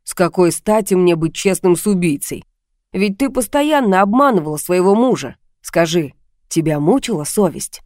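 A mocking, menacing male blackmailer talks down to his victim, calling her baby with cold condescension, as a woman reads him in an audiobook. The voice sits low and the recording is close and dry, with no room sound. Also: animated, moderate pace, darkish tone, no echo, natural voice. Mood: sneering. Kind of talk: audiobook reading.

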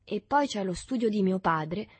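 A woman's voice: medium pitch, expressive, moderate pace, darkish tone, breathy edge, dry recording. A woman voicing a shy thirteen-year-old rich boy who grows boastful, in a storybook reading. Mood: earnest. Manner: shy, hesitant, then proudly boastful.

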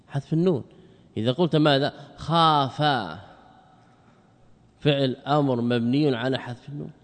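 A man at a mid pitch lecturing a class on grammar. He keeps firing short questions at his students, often answering them himself, and slowly drawls out each example word. His voice rings with the long reverb of a large lecture hall. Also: a little mellow. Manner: drills word forms slowly, stretching examples. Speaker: Islamic scholar teaching Arabic grammar.

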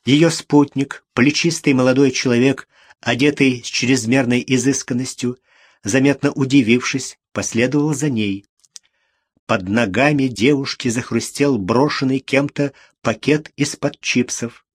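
Man narrating an audiobook in a measured way. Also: mid-range voice, breathy edge. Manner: measured, even storytelling. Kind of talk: scripted narration.

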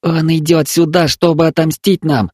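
A frightened young village boy, as a man voices him, begs and insists in a raised, boyish pitch, his words catching near tears. It's a storybook reading, so the voice sits well above the reader's own low register. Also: moderate pace, no echo, clean studio sound, close to an everyday voice. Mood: pleading.

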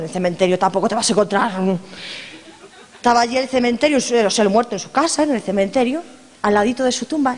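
A woman's voice: on the high side, darkish tone. A middle-aged woman telling a story live to an audience, playful and dramatic, speaking directly to her listeners. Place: hall with an audience. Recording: long hall reverb.

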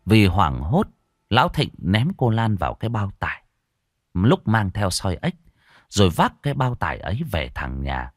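A man narrating a ghost story theatrically, moving from hushed to urgent. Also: fairly low pitch, sing-song, moderate pace, no echo, studio quality. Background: faint music.

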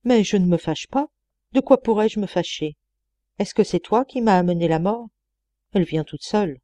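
A tiny, frail old deacon in an audiobook story, plaintive with a singing, childlike lilt. A woman reads him aloud in a mellow, dry voice. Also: mid-range voice, animated, normal speed, no echo, natural voice. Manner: plaintive, sing-song like a child.

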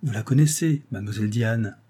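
A man voicing a sly, scheming older lawyer who flatters and insinuates in an audiobook. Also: mid-range voice, brisk, breathy edge, close to an everyday voice. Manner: wheedling and insinuating.

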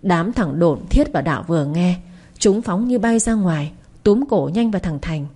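A woman narrating a dramatic story in a steady, scripted reading. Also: lowish voice, moderate pace, breathy edge.

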